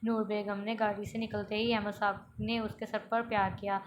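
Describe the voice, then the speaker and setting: Woman reading a novel in a flat voice. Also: mid-range voice, moderate pace, a little hiss or hum. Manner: reads every character in a mostly plain voice, with small stumbles and restarts. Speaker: novel reader.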